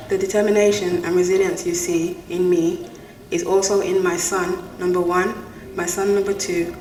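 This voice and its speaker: A middle-aged woman, a mother of grown sons, reciting her own poem in a steady, even voice. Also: lowish voice, moderate pace. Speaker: interview guest. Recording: echoey room, distant mic, faint noise.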